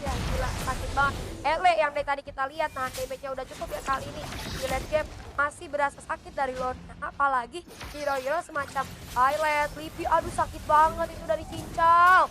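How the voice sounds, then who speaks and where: A woman's voice: high-pitched, fairly even intonation, fast, background noise. An Indonesian woman working as an esports caster, giving chatty, analytical commentary on a live match.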